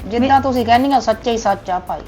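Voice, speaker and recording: A woman's voice: fairly high pitch, quick pace, a little mellow, faint music behind, close to an everyday voice. A woman playing a grumbling Punjabi old mother. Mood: arguing. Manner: complaining, self-pitying. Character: elderly mother grumbling at son and daughter-in-law. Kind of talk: family drama acting.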